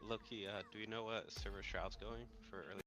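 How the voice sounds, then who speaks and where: Man, lowish voice, hypes the squad, music audible underneath. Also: level tone, brisk. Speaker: guildmate on voice chat. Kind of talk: casual gaming chat.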